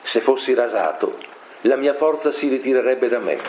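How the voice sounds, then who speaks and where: A man reading a calm mighty strongman. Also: medium pitch, normal speed, natural voice. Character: mighty long-haired strongman, confiding. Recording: echoey room, faint noise.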